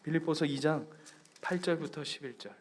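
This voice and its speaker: A male pastor preaching a Sunday sermon with a Gyeongsang accent. He drops to hushed near-whispers, rises to loud emphatic cries, questions his congregation and leads them in reading scripture aloud. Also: a little high, a little fast. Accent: Gyeongsang Korean. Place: church sanctuary.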